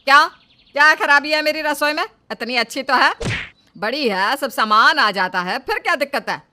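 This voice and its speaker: A woman voicing a stubborn older mother-in-law who scolds loudly and waves off complaints. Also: fairly high pitch, lively intonation, moderate pace, a little hiss or hum. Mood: scolding. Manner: loud, scolding, dismissive.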